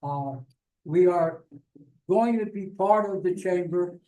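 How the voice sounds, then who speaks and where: A man's voice: high-pitched, mellow. A man with an American accent giving a vice commander's report at a veterans' meeting, speaking plainly with frequent fillers. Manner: plain, halting delivery with many fillers. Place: meeting hall. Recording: echoey room, voice from far off.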